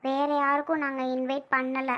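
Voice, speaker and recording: A woman playing a shy, soft-spoken young bride who answers politely. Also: sits high, completely flat delivery, moderate pace. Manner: meek, polite.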